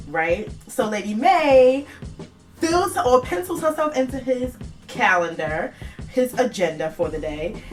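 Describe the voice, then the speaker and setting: Chatty, animated woman recapping a TV show. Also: medium pitch, distant mic. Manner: chatty, dramatic, addresses viewers directly. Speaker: TV recap vlogger. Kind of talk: casual TV episode recap.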